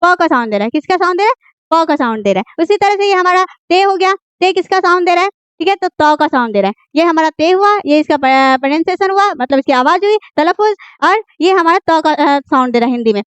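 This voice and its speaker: Woman teacher, very high voice, dry close sound; patient, repeats her own questions, pauses on fillers. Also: expressive, a bit bright, dry recording. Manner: patient, repeats questions and answers them herself; frequent fillers and self-corrections. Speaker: Urdu teacher. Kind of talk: online language lesson.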